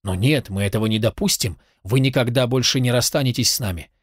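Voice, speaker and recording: A man's voice: mid-range voice, fast, slightly rough, dry recording, studio quality, lightly acted. A man reading a fervent, impassioned young man.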